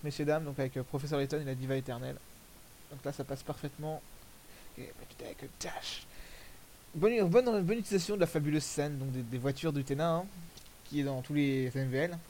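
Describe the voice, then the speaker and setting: A man's voice: a little high, a little fast, darkish tone, a little hiss or hum, low-quality recording. Rambling man giving casual commentary. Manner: rambling, self-correcting, crude slang. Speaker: commentator reviewing fan music videos. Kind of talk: casual commentary over video.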